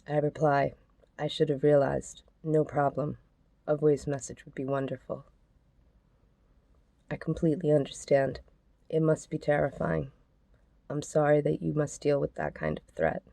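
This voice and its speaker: Low gravelly-voiced woman podcast host. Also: normal speed, long pauses, warm tone, no room sound. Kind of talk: reading out a message exchange.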